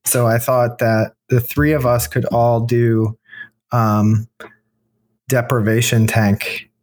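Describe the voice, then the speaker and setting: A man co-hosting a podcast in casual conversation, speaking in a hesitant, halting way. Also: mid-range voice, little pitch movement, darkish tone. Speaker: podcast co-host. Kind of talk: casual chat. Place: unfurnished kitchen and dining area.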